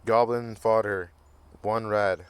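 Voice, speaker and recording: A man's voice: lowish voice, steady tone, slow pace, smooth, no echo. A man hosting a casual card game review, reading card text aloud and cracking goofy jokes. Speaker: card game channel host.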